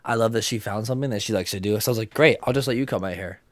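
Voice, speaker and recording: A man's voice: lowish voice, rapid-fire, no room sound. A young man co-hosting a casual podcast, joking around and laughing a lot. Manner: jokey, laughs a lot, drops to whispers. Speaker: podcast co-host. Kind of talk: casual chat.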